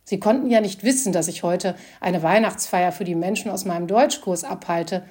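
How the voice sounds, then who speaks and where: A kindly, chatty neighbor woman who talks gently and soothingly. A woman voices her in a mellow, warm storybook reading. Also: on the low side, normal speed, natural voice.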